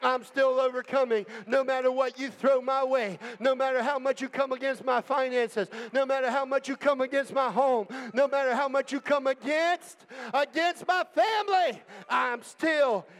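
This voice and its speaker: A man's voice: very high-pitched, steady tone, moderate pace, hardly any pauses, a bit bright. A man preaching an impassioned church sermon as pastor, emphatic and declamatory, building on repeated phrases. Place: church hall during a service. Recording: long reverberant hall sound.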